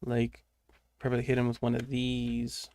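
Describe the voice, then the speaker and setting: A man's voice: mid-range voice, monotone, moderate pace, darkish tone, slight background noise. A young man streaming while he draws, chatting casually, rambling and swearing, muttering to himself as he works. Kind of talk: casual livestream chat while drawing.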